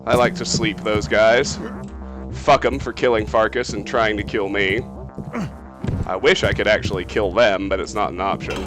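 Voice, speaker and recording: A man's voice: on the low side, steady tone, moderate pace, over music. A man giving offhand, conversational commentary as he plays through a video game. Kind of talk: casual playthrough commentary.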